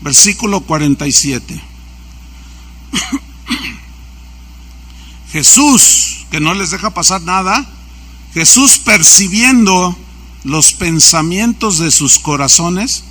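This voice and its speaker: Bright-voiced pastor preaching. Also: male voice, sits high, animated, very slow, pauses often, breathy edge. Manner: anecdotal, acts out quoted dialogue. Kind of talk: sermon.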